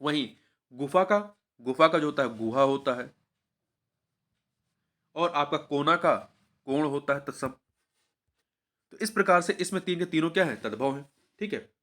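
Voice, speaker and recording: Higher-voiced man explaining exam answers. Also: animated, a little slow, pauses often, a bit bright. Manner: repeats each answer, quizzing the viewer. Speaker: teacher.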